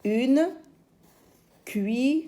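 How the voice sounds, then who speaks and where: A woman teaching young children to read, slowly repeating each word with patient explanations. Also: high-pitched, dark tone. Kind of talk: phonics lesson for young children.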